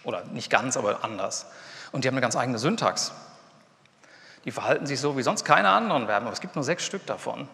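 A man's voice: medium pitch, animated, fast, creaky, sharp tone. Chatty male lecturer in a reverberant hall. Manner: casual, chatty lecturing with many fillers and asides. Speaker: university lecturer.

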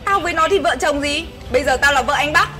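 A high-pitched, arrogant young wife, played by a woman, in a web skit drama. She talks down at people with open contempt, quick and cutting. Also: lightly acted. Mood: scornful. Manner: sneering, arrogant. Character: scornful unfaithful young wife. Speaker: actor. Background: background music.

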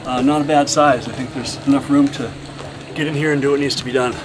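A man giving a casual walkthrough of his sailing catamaran, talking in a relaxed, rambling way with plenty of ums and uhs. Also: mid-range voice, quick pace, noisy background. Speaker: boat owner giving a tour. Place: aboard a sailing catamaran, outdoors and in engine room. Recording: music playing underneath.

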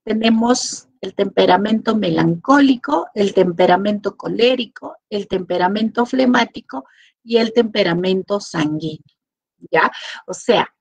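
A middle-aged woman with a Peruvian Spanish accent, giving an online class lecture in an animated way. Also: mid-range voice, measured pace, creaky, slightly rough, no echo, rough recording. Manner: animated, acts out quoted people with lively voices. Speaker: teacher.

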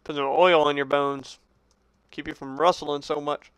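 A man's voice: fairly high pitch, level tone, moderate pace, clean tone, no room sound. Jokey young man narrating his gameplay. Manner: jokey, talks to the game, yelps when startled; drops to a hushed mutter when tense. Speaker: gaming channel host. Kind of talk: Minecraft let's play commentary.

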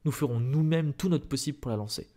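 A man voicing a placid, oily newspaper director who hems and hedges, in a soft-spoken ASMR reading. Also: medium pitch, fast talker, pitched above the performer's own voice, natural voice. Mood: persuasive. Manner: oily, hesitant with ums. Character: smooth, placid middle-aged male newspaper director, unctuous.

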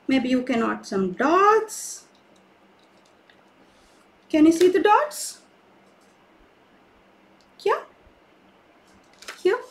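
A craft teacher guiding children through a live online session speaks in an extremely high, sing-song voice, drawing out her words and leaving long pauses. She coaxes them cheerfully and asks many questions.

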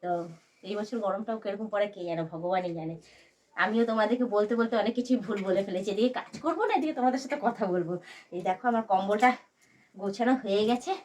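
A woman vlogging in her bedroom at home with a sore throat, keeping her voice soft. She rambles chattily to her viewers while she does the housework. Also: mid-range voice, quick pace. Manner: rambling, talks straight to viewers while doing chores. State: sore throat, speaking softly. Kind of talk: casual chatty vlog.

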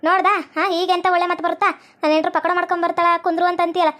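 Shrill nagging deaf granny. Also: female voice, little pitch movement, racing, a bit bright. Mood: indignant. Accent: North Karnataka Kannada. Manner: shrill, nagging, melodramatic wailing. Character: meddling deaf old village woman, scolding. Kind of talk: comic family skit.

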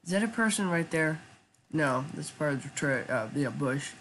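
A man giving casual live commentary while he plays a shooter game, talking in a flat, chatty way with lots of ums. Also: on the high side, normal speed, slight background noise. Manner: self-described monotone, chatty, with frequent ums. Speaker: gaming YouTuber.

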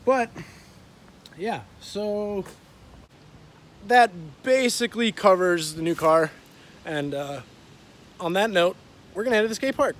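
A young man with a slightly high voice chats casually to a phone held at arm's length outdoors. He talks in laid-back skater-bro slang, and faint ambient noise sits behind him. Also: lively intonation, slow, long pauses. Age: young adult. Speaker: car vlogger. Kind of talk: casual vlog talk. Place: outdoors, driveway and open skatepark.

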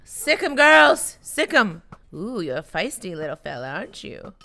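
A young woman commenting on her own video game play in a playful way, talking to the game's animals and making mock threats, with excited yelps. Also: mid-range voice, moderate pace, creaky. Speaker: gaming channel host. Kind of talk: Minecraft let's-play commentary.

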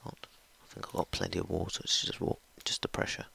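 A young adult man who hosts a gaming channel rambles casually through train-simulator gameplay, hesitating with many fillers. His voice is deep, monotone, and fast, with vocal fry, a bright, forceful yet slightly rough tone, delivered in a whisper; it's strained because he's losing it from talking too much. The home recording is noisy.

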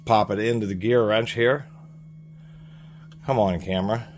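Guy with a lowish voice rambling about tools at his bench, little bit of hiss behind. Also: fairly even intonation, unhurried. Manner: explanatory, rambling with restarts. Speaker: tool reviewer. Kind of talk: casual product review. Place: workshop bench, hands on tools.

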